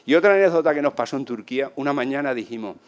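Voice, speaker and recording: A man's voice: mid-range voice, rapid-fire, clear, resonant tone. Man telling travel anecdotes in Andalusian Spanish. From Spain. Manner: animated, acts out voices of people he met. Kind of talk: casual storytelling talk.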